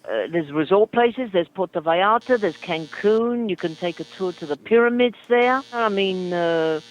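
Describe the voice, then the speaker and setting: A man's voice: high voice, lively intonation, moderate pace. An older man working as a travel agent, talking over the phone in a hesitant, flustered way with many fillers. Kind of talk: phone call. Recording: muffled dry phone line.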